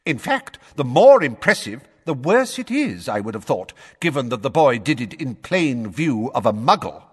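A man's voice: mid-range voice, big pitch swings, normal speed, slightly rough, big-room sound, voice pushed up. A man voicing a blustering, testy middle-aged minister who reads out charges formally.

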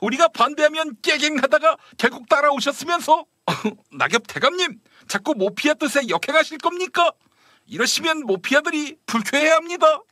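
A man voicing a smug, cheeky male finance minister in a satirical period-drama parody, talking in a high, sing-song way. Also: animated, normal speed, sharp tone, dry recording, studio quality, exaggerated voice. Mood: mocking. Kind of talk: satirical Joseon-era costume parody.

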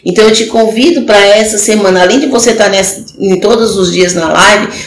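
A woman's voice: on the high side, slight background noise. A woman preaching a sermon on a live stream, earnest and exhorting, speaking straight to the listener. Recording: echoey room with faint ambience.

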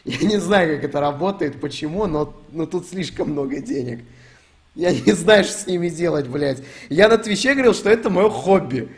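A young man on a live stream, talking in a slightly higher voice than most men. He rambles through fillers and swears constantly as he reads donations and riffs on them. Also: expressive, normal speed. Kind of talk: casual profane streaming rant.

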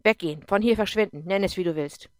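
A woman voicing a drunk, bitter man who talks loudly and with contempt, in an audiobook. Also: mid-range voice, fast talker, no room sound, clean studio sound, lightly acted. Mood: angry. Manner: loud, contemptuous, pushing. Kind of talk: audiobook character voice.

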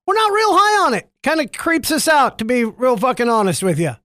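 A man's voice: extremely high pitch, wildly swooping pitch, brisk, bright, forceful tone, dry recording, clean studio sound. A man hosting a radio show, chatting casually and teasing his wife on the phone. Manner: joking, teasing, playful. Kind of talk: casual morning radio banter.

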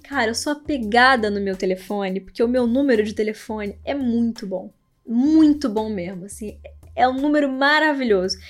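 High-voiced chatty young woman. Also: moderate pace, soft background music. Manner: chatty, animated, laughing, quotes people in raised voices. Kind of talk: casual storytelling to viewers.

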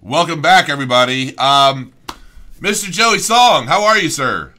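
A man's voice: a little high, animated, measured pace, very noisy. A man hosting a live-streamed interview, joking around and often stammering on restarts. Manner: stammers and jokes, self-deprecating. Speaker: host.

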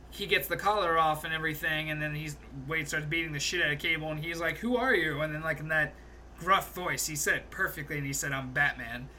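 A young man co-hosting a podcast, casually recounting movie scenes in an animated way, laughing and swearing now and then. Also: a little high, slight background noise. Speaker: podcast co-host. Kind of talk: casual movie review chat.

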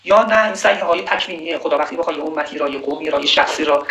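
Guy preaching, reads verses slow then just talks them through, bright voice, echoey room. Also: on the high side, steady tone. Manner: recites Arabic verses slowly, then explains conversationally. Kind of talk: Quran commentary sermon.

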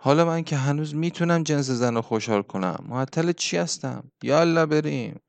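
A man's voice: on the high side, creaky, no echo. A man voicing a lusty, impulsive old workman in an audiobook, talking in an earthy, exclamatory way. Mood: boisterous.

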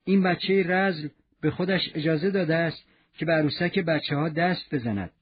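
A man's voice: fairly high pitch, breathy edge, muffled recording. A man voicing a harsh, spiteful innkeeper's wife in a storybook reading, with a scolding manner that turns sugary. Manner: scolding, then sugary forced sweetness.

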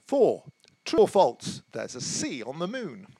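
A man's voice: fairly high pitch, huge pitch swings, a little slow, creaky, warm tone, breathy edge, dry recording, rough recording. A man co-hosting a quiz in a casual way, with a playful, wry manner. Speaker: quiz show co-host. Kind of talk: casual banter.

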